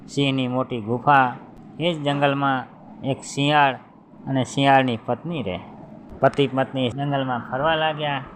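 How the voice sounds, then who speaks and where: A man's voice: mid-range voice, slight background noise. A man telling a children's folk tale in a homely, conversational way, voicing the animals as he goes. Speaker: storyteller.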